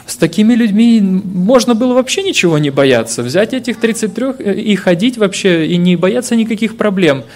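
A man delivers a sermon in an earnest, heartfelt voice that sits somewhat high for a man. He slips in hesitant fillers as he tells of his own hardships and speaks to the congregation. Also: darkish tone. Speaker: preacher.

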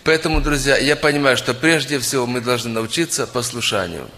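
A man's voice: mid-range voice, a little fast, gravelly, bright, forceful tone. A middle-aged man preaching a sermon, earnestly addressing the congregation as friends. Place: church hall. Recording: long hall reverb.

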